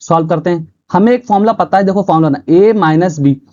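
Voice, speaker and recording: A man's voice: sits high, a little fast, mellow, lo-fi sound. A man teaching a math class step by step, asking and answering his own questions as he works each problem. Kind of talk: chalkboard math lesson.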